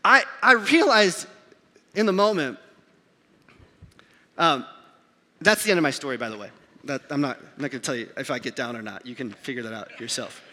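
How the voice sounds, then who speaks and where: A man in his thirties preaching a sermon, telling a self-mocking story in an animated way and acting out the voices. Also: mid-range voice, moderate pace, long pauses. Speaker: pastor. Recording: reverberant hall.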